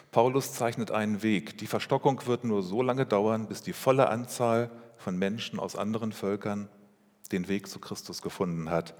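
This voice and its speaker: A male pastor preaches a sermon in a church, speaking in a measured, lowish voice. He uses rhetorical questions and repeated phrases, and the church hall adds long reverb to the recording.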